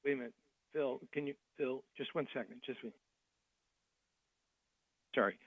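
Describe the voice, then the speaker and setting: A man calling in over a crackly phone line to speak at a public hearing, halting and stammering as he struggles to hear. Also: medium pitch. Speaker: applicant's representative. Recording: tinny phone line, dry.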